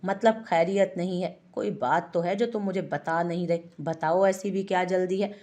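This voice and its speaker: एक महिला कथावाचक एक मज़ाकिया, बहस करने वाले युवा पुरुष दोस्त की आवाज़ पढ़ती है।. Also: female voice, on the low side, steady tone, normal speed, darkish tone, lightly acted. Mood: bantering. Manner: bantering, argumentative. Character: jokey young male friend abroad. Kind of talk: audiobook character voice.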